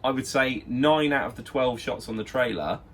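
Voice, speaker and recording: A man's voice: mid-range voice, moderate pace, fairly bright tone, a little hiss or hum. Blunt man reviewing a trick. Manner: blunt, exasperated critic. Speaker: magic shop review co-host. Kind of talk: casual review chat.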